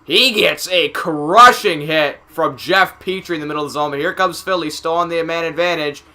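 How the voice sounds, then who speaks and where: A man calling a hockey game casually, play by play, getting excited on big plays and chatting in asides with filler words. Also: a little high, moderate pace. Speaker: amateur play-by-play commentator. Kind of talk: casual live game commentary.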